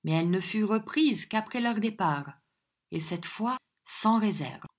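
A woman with a mid-range voice reads a classic novel aloud, her storytelling steady and measured. She is an audiobook reader delivering scripted narration.

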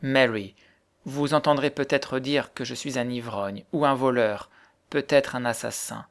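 Brief: a man playing a brooding young man, low and reproachful, in a storybook reading. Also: steady tone, measured pace, lightly acted.

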